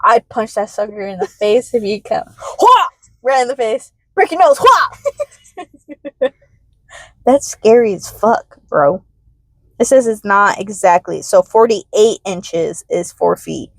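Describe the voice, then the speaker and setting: A young woman co-hosting a podcast in casual chat, joking loudly and breaking into laughter and shrieks. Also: medium pitch, a little slow, no room sound. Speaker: podcast co-host.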